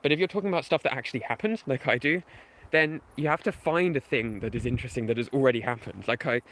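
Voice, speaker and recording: A man's voice: mid-range voice, fast, a bit bright. A man chatting casually with his stream viewers while walking outdoors at night, rambling and self-deprecating, with lots of fillers. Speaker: video game history YouTuber. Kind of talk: casual night-walk livestream chat.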